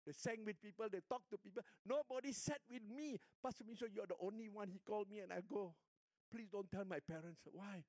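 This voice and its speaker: An older pastor with a Singaporean accent preaches a sermon full of stories in a high, fairly quick voice, shifting between hushed lines and emphatic ones. There's no room sound.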